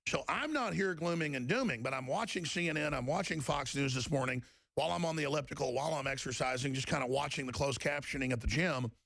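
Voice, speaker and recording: A male talk radio host with a gravelly, fairly high voice tears through a fiery monologue. He talks fast and emphatically, pushing toward near-shouts. The sound is dry and close to the studio mic. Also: dry recording.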